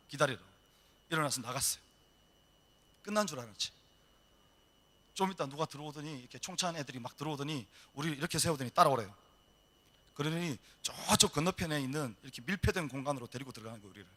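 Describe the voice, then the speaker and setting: A middle-aged man preaches to a young audience, his voice bright and sitting a little high. He tells his story in an animated way and acts out each exchange as he goes. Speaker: missionary preacher. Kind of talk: storytelling sermon. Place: church hall.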